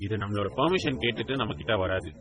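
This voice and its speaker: A man's voice: on the low side, animated, fast, fairly bright tone. A man doing a kindly reflective old uncle.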